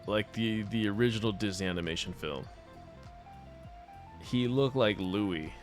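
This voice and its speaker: A man's voice: on the low side, a little slow, faint music behind. A man streaming a video game, telling a long story in a casual, profane, rambling way and laughing often. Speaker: gaming streamer.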